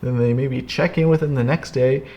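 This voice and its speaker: Man, young adult, medium-pitched, energetic, emphatic, casual teaching chat. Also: normal speed. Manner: energetic, emphatic, repeats "here's the deal". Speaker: co-host, business coach.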